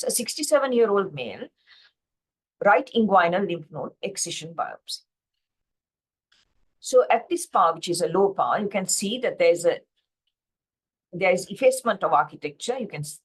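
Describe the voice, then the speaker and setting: A woman's voice: mid-range voice, slightly rough. A woman from Sri Lanka giving a slide-based pathology lecture, explaining steadily with frequent fillers and self-corrections over a video call.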